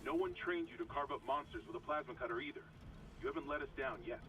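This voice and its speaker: An actor playing a steady, gruff military officer in a sci-fi horror game, speaking in a firm, grave, controlled way. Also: male voice, medium pitch, quick pace, distant mic, music in the background, natural voice, low-quality recording. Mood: firm, reassuring.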